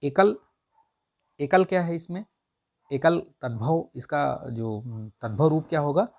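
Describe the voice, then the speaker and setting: Gravelly-voiced male Hindi tutor. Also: fairly high pitch, a little slow, darkish tone, lo-fi sound. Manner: repetitive, drills answers with "ठीक है" and "याद रखिएगा"; asks questions then answers them himself. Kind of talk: test answer walkthrough lesson.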